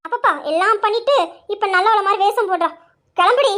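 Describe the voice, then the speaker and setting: A woman's voice: a little fast, fairly bright tone. A woman voicing a quarrelsome, scheming young wife who accuses and threatens in an amateur audio drama. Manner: shrill, accusing.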